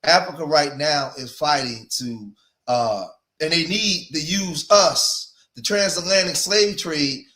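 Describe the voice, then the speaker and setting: A fairly high-pitched man in his forties with an East Coast accent hosts a casual livestream. He talks straight to his viewers and circles back on his own phrases for emphasis. The echoey room rings around him. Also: slow, sharp tone. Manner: talks to his viewers, repeats phrases to drive points home. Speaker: livestream host.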